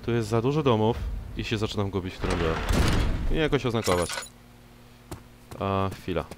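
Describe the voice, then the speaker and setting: A young man giving casual, joking commentary while he plays a game, talking to its characters and breaking into loud excited yelps. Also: fairly low pitch, brisk. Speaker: gameplay commentator. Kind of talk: casual let's-play commentary. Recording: old mic with clear background noise.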